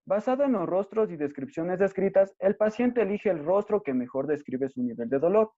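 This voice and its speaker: A man with an Ecuadorian accent, a hospital intern, gives a steady, informative class presentation from prepared text. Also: sits high, moderate pace, no room sound. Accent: Ecuadorian Spanish. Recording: dry, muffled lo-fi audio.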